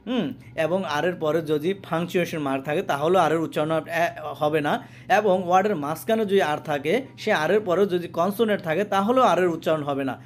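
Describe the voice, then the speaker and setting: A man teaching English pronunciation, repeating each word and its meaning twice in a slow, patient explanation. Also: on the high side. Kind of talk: spoken language lesson.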